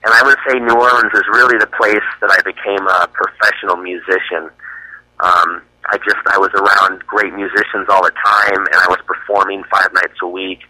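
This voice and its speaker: Male musician guest from the US East Coast, bright dry voice, halting and full of fillers. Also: deep voice, flat delivery, no echo, poor audio. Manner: hesitant, many fillers and restarts. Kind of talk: casual interview answers.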